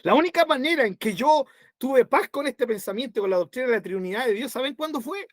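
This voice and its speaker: A man's voice: very high voice, animated, brisk, no echo, clean studio sound. A man teaching a Bible study to his congregation, conversational, with constant rhetorical tag questions.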